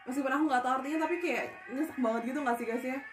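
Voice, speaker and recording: A young Indonesian woman talks through a reaction video with a fairly high voice. She is gushing and close to tears, with slangy asides to her viewers. The room is echoey, and faint music plays behind her. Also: rapid-fire. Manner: gushing, emotional, slangy, addresses viewers as guys. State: teary, near crying. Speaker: YouTube reactor. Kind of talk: casual reaction video chat.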